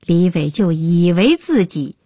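A woman reading a novel aloud in serialized radio storytelling, expressive and unhurried, on a close studio mic. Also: on the low side, slightly rough, dry recording.

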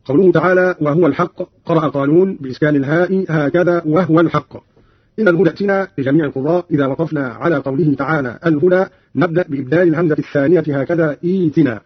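A man's voice: a little high, slightly rough, dry recording. A man explaining Quran recitation variants in a formal, instructional radio style from an archival broadcast. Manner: precise, instructional, quoting verses briskly. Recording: dull, dry archival radio recording.

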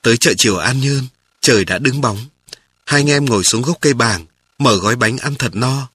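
A man calmly narrating a memoir aloud in a measured storytelling voice. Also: medium pitch, breathy edge.

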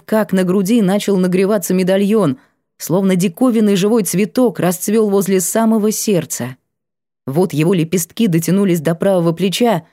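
A woman narrating a fantasy audiobook, reading calmly and evenly at a measured pace. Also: medium pitch, no echo, clean studio sound.

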